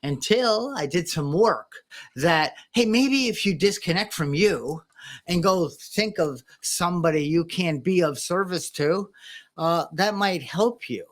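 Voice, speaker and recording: A woman with a lowish voice hosts a podcast in casual conversation. She talks slowly and reflectively. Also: expressive. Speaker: podcast host. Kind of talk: casual chat.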